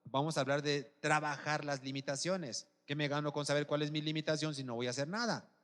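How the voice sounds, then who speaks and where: A man's voice: on the high side, fairly even intonation, a little fast, a bit bright, long reverb tail. A man preaching a sermon as pastor, often asking the congregation if they are with him. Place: church.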